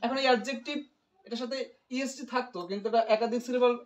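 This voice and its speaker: A man with a very high, steady voice talks fast while tutoring English grammar. He asks questions, echoes the student's answers, and explains each point step by step in a call-and-response lesson.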